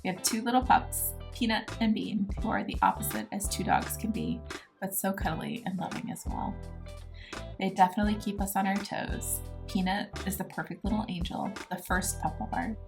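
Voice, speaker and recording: A woman's voice: medium pitch, sing-song, normal speed. Woman narrating over guitar music. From Norway. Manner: plain, matter-of-fact storytelling. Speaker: DIY vlogger. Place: voice-over, not recorded on site.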